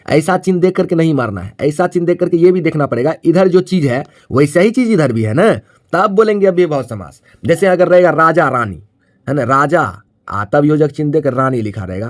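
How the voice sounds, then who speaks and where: A man with a fairly high voice teaches a grammar lesson in classroom style. He repeats key points, poses questions to the students and answers them himself, checking often that they follow. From Bihar, India. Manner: frequent tag question "है ना".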